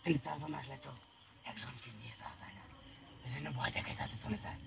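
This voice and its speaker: A man speaking as a frightened male spirit haunting a brick kiln, pleading in a gravelly voice that drops into hushed whispers, in a noisy recording. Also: medium pitch, fast talker. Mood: sullen. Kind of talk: possession session.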